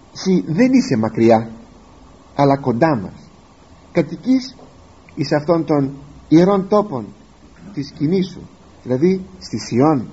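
A man's voice: a little high, warm tone, slightly rough, muffled recording. A man preaching a sermon, reading ancient verses aloud and explaining them plainly, often speaking in the psalmist's own first-person voice. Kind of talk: sermon, verse-by-verse scripture commentary.

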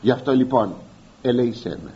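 A man preaching a sermon, speaking straight to his listeners and slowly drawing out the words he wants to stress. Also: mid-range voice, warm tone, muffled recording, a little hiss or hum. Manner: addresses listeners directly as "beloved".

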